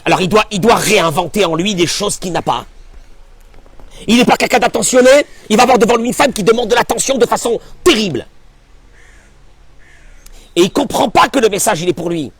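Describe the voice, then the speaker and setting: Rabbi teaching a class, high husky voice, emphatic and full of rhetorical questions. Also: male voice, brisk, long pauses, dry recording. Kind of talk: Torah class sermon.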